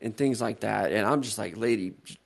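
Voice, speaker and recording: A man's voice: lowish voice, a little fast, vocal fry, husky. A man co-hosting a talk show, telling stories casually and bluntly, swearing freely. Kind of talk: casual banter and storytelling.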